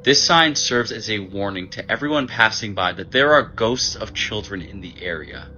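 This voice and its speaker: A man's voice: fairly low pitch, lively intonation, moderate pace, sharp tone. A man telling a story in an earnest, explanatory way for a short video. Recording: dull lo-fi clip with faint noise.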